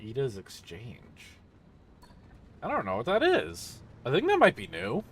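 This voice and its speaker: A man's voice: mid-range voice, huge pitch swings, unhurried, fairly bright tone, slightly rough. A tired man casually commenting on a driving game as he plays, rambling and yawning with lots of fillers. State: sleepy. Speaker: streamer.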